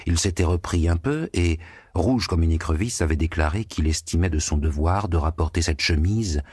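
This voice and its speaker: Low-voiced male audiobook narrator. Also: slightly rough, dry recording, clean studio sound. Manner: steady, measured storytelling. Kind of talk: scripted narration.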